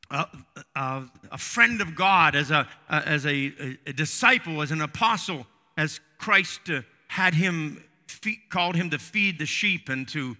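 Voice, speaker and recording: A man's voice: sits high, sharp tone. A man preaching an earnest sermon that builds to fervent emphasis. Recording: long hall reverb.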